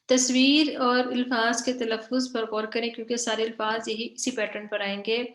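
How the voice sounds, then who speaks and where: Her voice is fairly high and her delivery flat as she walks through slides in an online Quranic grammar class. She keeps restating points, asks "theek hai" to check in, and stretches out the example words as she reads them slowly, all in a reverberant recording.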